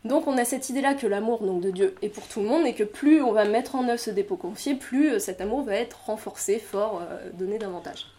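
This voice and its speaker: A woman lecturing to a class, working through each point out loud. She hesitates often, fills pauses and restarts her sentences, and her voice sits at an ordinary middle pitch for a woman. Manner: thinking aloud with many fillers and restarts; explanatory, laughs lightly at own remarks. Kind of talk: lecture on Quranic mysticism.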